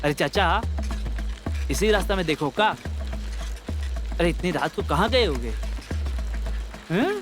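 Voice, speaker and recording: An actor playing a young village husband, teasing and fond, then urgent when trouble comes. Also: male voice, high-pitched, lively intonation, a little slow, long pauses, over music. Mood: worried. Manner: teasing, repeats filler tags. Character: doting young village husband, protective son. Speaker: young husband, elder son.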